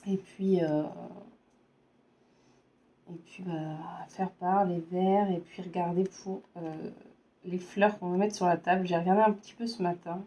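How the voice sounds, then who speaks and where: A woman in her thirties from France with a sore, hoarse throat, chatting casually as a vlogger and hesitating often. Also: fairly low pitch, fairly even intonation, measured pace, dark tone, a little hiss or hum. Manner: hesitant, many fillers. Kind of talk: casual chat.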